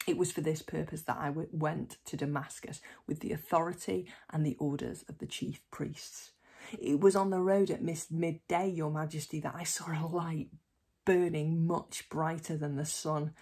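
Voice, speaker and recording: A woman's voice: low voice, fairly even intonation, normal speed, gravelly, a little mellow, slightly rough. A woman reading scripture aloud for a church, then reflecting on it in a hesitant, searching way. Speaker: church reader and preacher.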